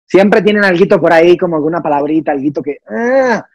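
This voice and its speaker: This young Cuban man sings and acts, and here he explains his thinking in an informal interview, reflective and full of restarts and fillers. He speaks briskly in a high, expressive voice. The audio is dry and of poor quality.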